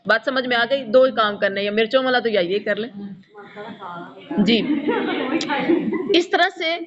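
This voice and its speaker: A woman's voice: on the high side, animated, fairly bright tone, highs cut off. A woman teaching a Quran pronunciation lesson, patiently demonstrating letter sounds over and over and quizzing her pupils. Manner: patient, instructive, asks pupils questions.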